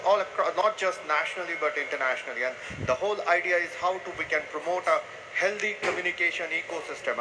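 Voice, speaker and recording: A man on a panel introducing himself as a communication professional, earnest and restarting his phrases. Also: fairly high pitch. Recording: noisy live event recording.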